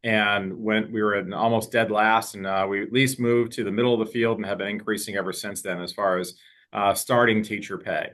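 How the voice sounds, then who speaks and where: Over a video call, a male state representative gives an interview, delivering a steady, explanatory update in a lowish voice at a slightly fast pace.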